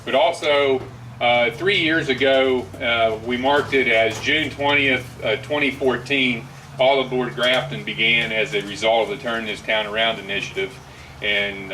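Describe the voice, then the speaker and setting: A man chairing a community meeting, speaking haltingly with frequent filler words. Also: mid-range voice, bright, forceful tone. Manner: halting, many filler uhs, friendly. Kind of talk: casual public address. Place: meeting room. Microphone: distant room mic. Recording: distant mic with background noise.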